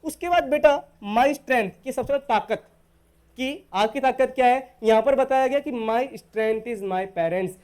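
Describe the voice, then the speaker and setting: A man from Rajasthan teaching spoken English in a recorded online lesson. He is patient, calls his students "beta" and says the English model phrases slowly. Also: very high-pitched, a little mellow, smooth. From Rajasthan, India.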